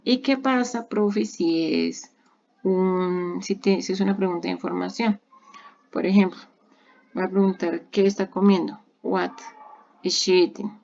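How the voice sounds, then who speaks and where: A woman with a low, gravelly, slightly mellow voice teaches English grammar in a recorded online lesson, speaking a little slowly. She patiently goes step by step and repeats each example, and the audio sounds dull and lo-fi.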